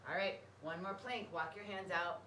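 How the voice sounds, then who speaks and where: A lowish-pitched woman coaches like an aerobics instructor, giving short commands and counting out moves with encouragement. She is exercising as she talks, some way from the mic in a large, echoing room with clear background noise. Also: fairly even intonation, normal speed, bright, forceful tone. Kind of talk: aerobics instructor leading a kids' workout with short cues and counts. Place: large carpeted room with high vaulted ceiling, indoors. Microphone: camera a few metres away. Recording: roomy, distant mic, clearly noisy.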